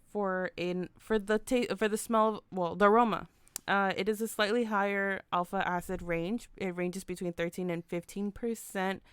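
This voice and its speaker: A woman's voice: medium pitch, clear, resonant tone, dry recording, studio quality. A woman co-hosting a casual beer podcast, reading out hop facts with many restarts and corrections. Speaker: podcast co-host. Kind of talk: casual chat.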